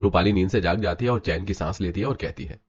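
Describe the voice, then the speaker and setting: A man narrating a scripted animated story in a brisk storytelling manner. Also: low-pitched. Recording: dull lo-fi with music.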